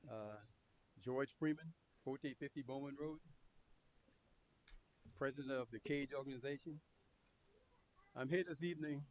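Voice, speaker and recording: A man addressing a council as a public commenter, in measured, deliberate short phrases. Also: medium pitch, a little mellow, rough recording. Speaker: community organization president, public commenter. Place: town council meeting room. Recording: clear background hiss.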